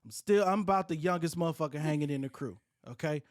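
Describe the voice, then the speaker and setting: A woman's voice: sits low, fast talker, no echo, clean studio sound. A woman hosting a podcast, telling a wild story in casual chat, swearing freely and laughing partway through. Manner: profane, animated storyteller who laughs mid-story. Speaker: podcast host.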